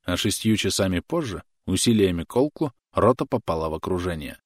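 Casting: male audiobook reader, low voice, dry close recording, measured delivery. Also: animated, dry recording. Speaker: audiobook narrator. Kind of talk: scripted narration.

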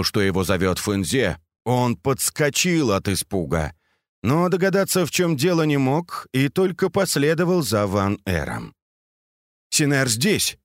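A man narrating a classic novel aloud in an expressive reading style. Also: on the low side, dry recording, clean studio sound. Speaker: audiobook reader.

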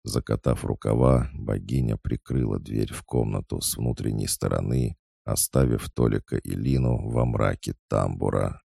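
Male audiobook narrator, steady reading, dark and dry, extremely low. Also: moderate pace, creaky, few pauses, no room sound.

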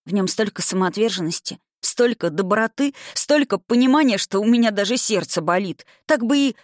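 An impulsive young noblewoman in love, as an audiobook reader puts her on. She talks in an eager, breathless rush at a mid pitch, recorded dry and close. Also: moderate pace, dry recording, close to an everyday voice. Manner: eager, breathless, rising excitement. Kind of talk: audiobook reading.

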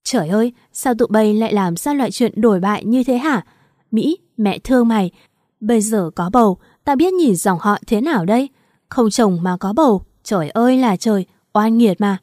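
A wailing, lamenting older mother-in-law, put on by a woman reading the story. The voice is mellow and somewhat high, in a dry, close recording. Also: lively intonation, normal speed, no echo, natural voice.

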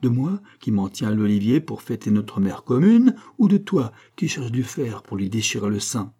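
A man's voice: mid-range voice, sing-song, normal speed, dark tone, slightly rough. A man reading aloud, voicing an indignant elderly priest in a declamatory, outraged way.

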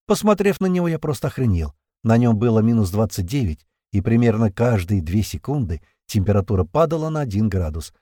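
A man narrating a tense first-person audiobook, with swearing and lively storytelling. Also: lowish voice, fairly quick, hardly any pauses, dry recording, studio quality.

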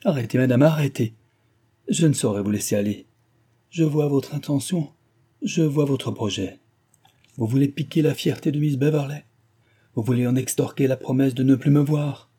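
A man reading an audiobook who voices a desperate, passionate young gentleman speaking with impassioned urgency. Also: mid-range voice, normal speed, husky, pitched above the performer's own voice, close to an everyday voice. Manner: impassioned, pleading.

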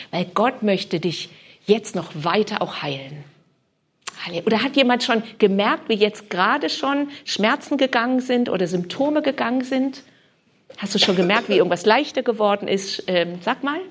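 A woman preaching fervently at a healing service, often dropping to a whisper and repeating hallelujah. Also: mid-range voice. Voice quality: breathy, often drops to a whisper. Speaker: preacher leading a healing prayer session. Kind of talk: charismatic sermon and prayer ministry.

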